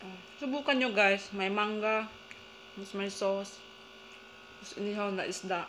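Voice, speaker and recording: A woman's voice: mid-range voice, a little slow, fairly bright tone, rough recording. A young woman with a Filipino accent, chatting to viewers in a casual eating vlog while chewing with her mouth full. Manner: chatty, addresses viewers directly. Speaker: mukbang vlogger. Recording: electrical hum and noise behind.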